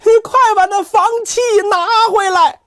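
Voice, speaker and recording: A man's voice: very high voice, steady tone, moderate pace, pushed and bright, no room sound, studio quality. A man voicing an anxious boy of eight or nine, crying out urgently and pleading. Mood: desperate.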